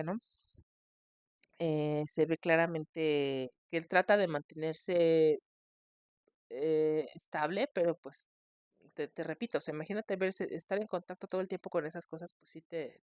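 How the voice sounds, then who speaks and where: A woman hosting a podcast, telling a scary case in a chatty, expressive way. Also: low-pitched, moderate pace, no echo, clean studio sound. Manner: chatty, expressive, shrieks in mock fright. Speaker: podcast host. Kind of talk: casual storytelling.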